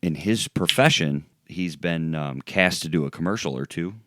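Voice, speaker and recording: A man's voice: deep voice, normal speed, a bit bright. A man co-hosting a casual podcast chat, laid-back and laughing often, slipping into quoted voices. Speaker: podcast co-host.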